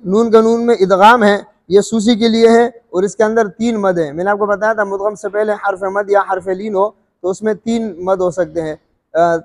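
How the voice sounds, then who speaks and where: A man teaching rules of Quran recitation, explaining calmly and drawing out recited words slowly, often asking if it is understood. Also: high-pitched, big-room sound. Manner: slow drawn-out recited examples between explanations; checks understanding with questions.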